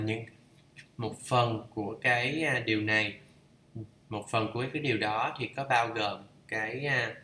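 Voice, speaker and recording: A man's voice: medium pitch, sharp tone, reverberant, slight background noise. A man teaching English, reading a lesson aloud and patiently repeating each pronunciation. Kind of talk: bilingual lesson read-through.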